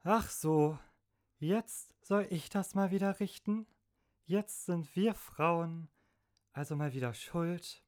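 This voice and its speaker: A woman plays a part in a satirical stage comedy. She talks slowly in a low voice, dry and a little complaining. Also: darkish tone.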